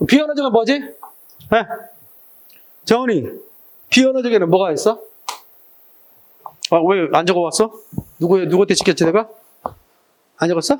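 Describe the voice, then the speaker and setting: A male exam-prep teacher lecturing a live class, quizzing students with short questions, his throat irritated and often cleared. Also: high-pitched, normal speed, pauses often, a little mellow.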